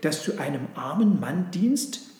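A man's voice: a little high, expressive, measured pace, warm tone. Curious polite camel for a storybook, read by a man, inquisitive and a little puzzled, in an echoey room. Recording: roomy echo.

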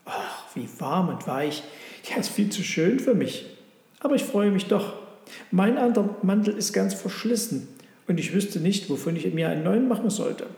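A man's voice: high-pitched, expressive, moderate pace, vocal fry, darkish tone. A man voicing a doubtful, kindly old stable owner in a storybook reading, speaking fretfully. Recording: roomy with long reverb.

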